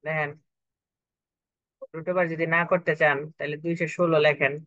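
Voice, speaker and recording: A man's voice: a little high, level tone, normal speed, fairly bright tone, no room sound, dull audio. A young man tutoring a math lesson step by step, patient and repetitive, often checking that his students understand.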